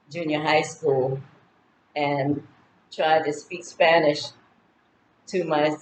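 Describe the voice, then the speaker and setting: In a low-pitched voice, a woman in her sixties rambles through her goals for her viewers, filling the gaps with many fillers during a casual birthday talk. She films at home in Ghana, and the clip has a little hiss or hum, a roomy echo and faint ambience.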